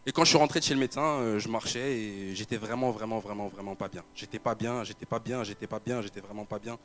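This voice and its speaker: A man's voice: on the low side, quick pace, a bit bright. A young man giving a personal testimony, telling his story with many repetitions and fillers. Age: young adult. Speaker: church member giving a testimony. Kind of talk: personal testimony told to an audience.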